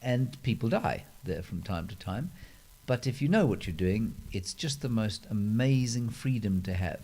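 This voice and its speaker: Low, mellow-voiced man chatting dryly. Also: expressive, normal speed. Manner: dry, self-mocking humour with playful put-on voices. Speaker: host. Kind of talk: casual live Q&A chat. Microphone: handheld microphone.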